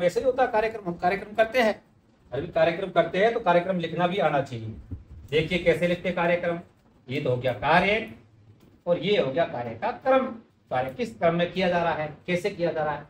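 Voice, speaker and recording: A man's voice: high voice, fast. A man teaching Hindi spelling in a conversational way, repeating each word as he writes it out on a board. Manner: conversational, repeats words while writing. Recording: echoey room with faint ambient noise.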